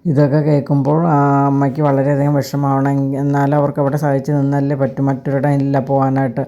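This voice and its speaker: Fast, flat serial recap narrator. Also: medium pitch. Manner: rapid, flat storytelling with filler "aa" sounds. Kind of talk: retelling a TV serial episode.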